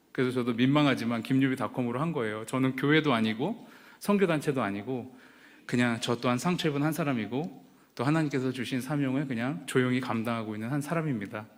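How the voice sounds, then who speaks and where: Earnest Korean pastor telling his story. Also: medium pitch. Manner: earnest, storytelling, acts out family dialogue. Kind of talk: prayer then personal testimony talk.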